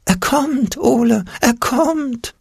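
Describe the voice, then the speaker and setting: A shrill, whimpering little imp of fear, squeaking far above any normal voice and dragging out his doom-laden warnings. He sounds slightly husky and sits dry and close in the recording, like a storybook voice. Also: lively intonation, takes it slowly, darkish tone, no room sound, heavily acted. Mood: shrieking. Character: whiny fearful inner voice, a shrill little imp.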